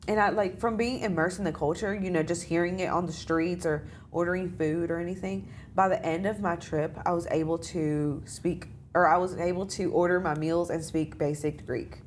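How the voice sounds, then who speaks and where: A woman's voice: lowish voice, steady tone, normal speed, few pauses, slight background noise. A young American woman, a student, chatting casually in an interview with lots of filler phrases. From United States. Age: young adult. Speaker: study abroad student guest.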